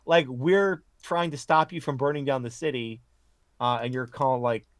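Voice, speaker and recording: A man's voice: mid-range voice, fairly even intonation, moderate pace, no room sound. A man as a podcast guest, ranting bluntly in casual political chat, swearing often and restarting his sentences.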